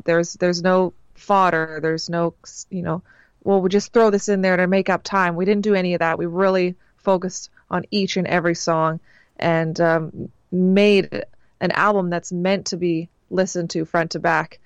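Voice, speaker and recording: A woman's voice: fairly low pitch, clear, resonant tone, no room sound. A woman musician chatting casually and earnestly as an interview guest. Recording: dull, band-limited remote line.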